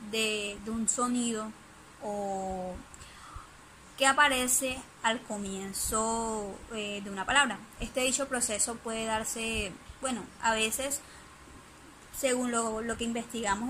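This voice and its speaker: A woman's voice: a little high, bright, forceful tone, slight background noise, low-quality recording. A woman giving a spoken lesson presentation, hesitant, with many fillers and restarts.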